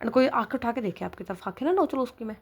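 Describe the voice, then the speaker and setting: A woman's voice: fairly high pitch, expressive, fast talker, husky, voice pushed up. A woman voicing a jealous, fiery young wife who talks in a raised, indignant voice.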